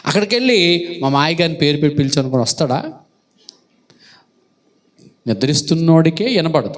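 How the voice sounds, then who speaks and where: Lively, high-pitched preaching pastor. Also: male voice. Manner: questions the congregation, acts out calls in a loud voice. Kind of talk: sermon. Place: church hall.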